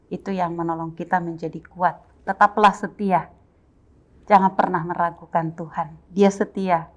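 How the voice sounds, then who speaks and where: A woman's voice: lowish voice, poor audio. A woman giving a formal, encouraging closing message to listeners. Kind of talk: closing exhortation.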